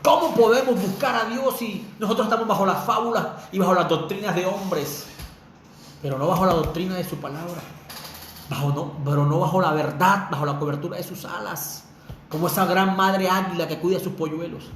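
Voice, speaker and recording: Fervent high-voiced preacher, echoey room. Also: male voice, steady tone, a little fast, a bit bright. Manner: fervent preaching with rhetorical questions to the listener. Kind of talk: sermon. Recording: echoey room with faint noise.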